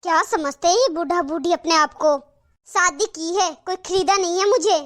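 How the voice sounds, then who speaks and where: A woman's voice: extremely high pitch, normal speed, fairly bright tone. A woman voicing a spoiled, defiant young daughter-in-law in a cartoon, talking in a sulky, complaining way. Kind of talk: cartoon voice acting.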